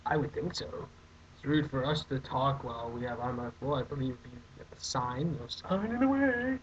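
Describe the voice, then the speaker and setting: A man's voice: mid-range voice, lively intonation, normal speed. Young man hosting a jokey webcam Q&A. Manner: jokey, rambling, mock-outraged. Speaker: vlog host answering viewer questions. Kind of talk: casual comedic vlog. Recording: dull lo-fi webcam audio, faint hiss.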